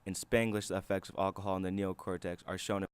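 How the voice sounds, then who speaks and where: Low-voiced man reading an essay. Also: little pitch movement, fast, clear, resonant tone. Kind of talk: scripted essay narration read aloud.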